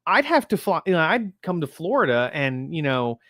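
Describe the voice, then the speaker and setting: In a clean, echo-free studio recording, a Bahamian man chats casually through a film review at a normal pace. His voice sits on the high side, and he tells stories animatedly, acting out the quotes.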